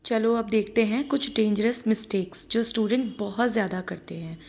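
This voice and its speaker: A woman with an Indian accent teaching an English grammar lesson, deliberately spelling out each example sentence. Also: mid-range voice, vocal fry, a little mellow. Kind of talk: scripted explainer lesson.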